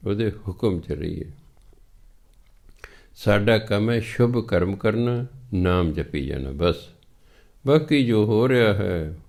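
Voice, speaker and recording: A man with a Punjabi accent giving a scripture sermon, reciting verses slowly and then explaining them patiently in plain talk. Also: fairly low pitch, vocal fry, darkish tone. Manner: patient, teacherly, repeats points.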